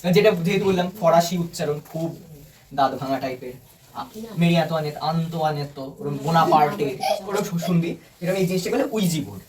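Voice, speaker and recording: Young guy talking fast to his friends like a class talk, bit high voice, recorded from across the room. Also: crowd noise. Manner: chatty, asks the group questions, jokes. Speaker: student presenter. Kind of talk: casual classroom presentation. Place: indoor room with a small group. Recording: distant mic with light room noise.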